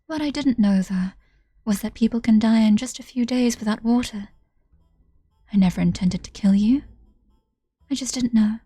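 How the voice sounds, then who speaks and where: A woman's voice: fairly high pitch, moderate pace, pauses often, dark tone, slightly rough, no room sound, clean studio sound. Woman doing a sneering cruel young woman. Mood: taunting. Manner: taunting, sneering, laughing. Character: cruel mocking young woman, gleefully sadistic. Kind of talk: reading a visual novel aloud.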